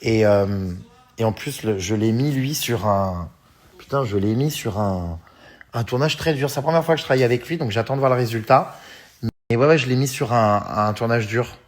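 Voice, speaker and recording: A man's voice: medium pitch, normal speed. Guy in his 30s doing a chill story vlog, lots of euh and hein, kinda rambly. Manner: chatty, many fillers like hein and euh; often laughs while talking. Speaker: vlogger reading and answering fan messages. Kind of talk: casual story chat to followers.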